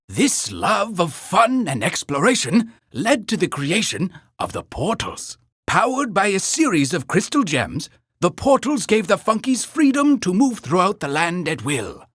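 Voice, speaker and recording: A man's voice: high-pitched, fairly bright tone, no room sound, studio quality, heavily acted. A man voicing a pompous, earnest cartoon mayor in a video game, announcing in a grandiose, theatrical way. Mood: welcoming, proud. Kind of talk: scripted video game narration.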